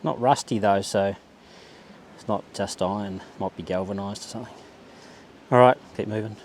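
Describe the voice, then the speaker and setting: This man's voice is fairly low and steady, at normal speed with a slightly mellow quality. As a hobby metal detecting vlogger, he searches a beach while giving casual, understated commentary, half to himself, against clear outdoor background noise.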